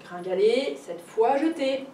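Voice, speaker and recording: Woman as boastful storybook wolf, loud growled threats, animated pitch, heard from across a roomy hall. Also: takes it slowly, a little hiss or hum. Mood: threatening. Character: big blustering male wolf, hungry and boastful. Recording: roomy library heard from a distance.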